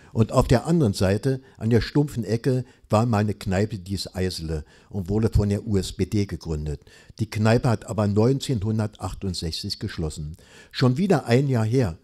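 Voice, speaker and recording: A man's voice: on the low side, dark tone, husky. A man reading his own short story aloud at a live literary event, giving the characters' dialogue in voice.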